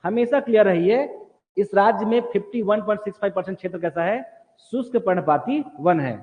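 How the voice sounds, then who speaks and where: A man's voice: high voice, a little fast. A man teaching an exam coaching class, drilling students with repeated questions and telling them what to write in their notes. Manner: repetitive question-and-answer drilling. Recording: tinny phone-like sound in a reverberant hall.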